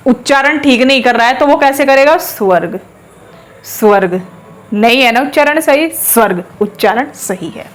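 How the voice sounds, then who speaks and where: A woman teaching a spelling lesson to students, patiently explaining and repeating words slowly to drill their pronunciation. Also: high-pitched. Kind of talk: classroom lesson on a whiteboard.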